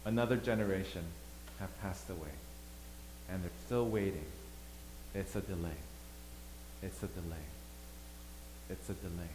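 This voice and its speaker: Pastor, male, preaches a sermon with loud peaks and hushed lines, reverberant sanctuary. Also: deep voice, a little slow, pauses often. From Thailand. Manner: dynamic, swings between loud emphasis and quiet asides. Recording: echoey hall, faint hum.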